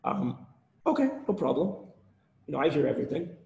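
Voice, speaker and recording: A man's voice: fairly high pitch, very animated, brisk, creaky, darkish tone, dull audio. Rambling man with a tiring voice, echoey. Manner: rambling, with frequent restarts and repeated words. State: losing his voice. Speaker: webinar presenter. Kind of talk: casual live webinar talk. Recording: roomy echoey sound.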